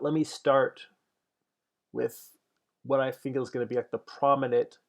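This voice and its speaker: A man in his forties with a gravelly, creaky edge to his voice, talking casually while he works. He thinks out loud as he goes and chats back to viewers between strokes. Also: mid-range voice. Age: 40s. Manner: thinks aloud, chatty, answers viewer comments. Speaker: digital painter streaming his work. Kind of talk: casual livestream talk while painting.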